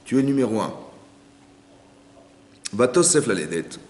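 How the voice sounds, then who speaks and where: A man's voice: medium pitch, sing-song, unhurried, darkish tone. A man, a rabbi, teaching a scripture class, translating verses line by line and asking the audience questions. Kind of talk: lecture on scripture. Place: community centre hall. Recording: echoey hall with long reverb.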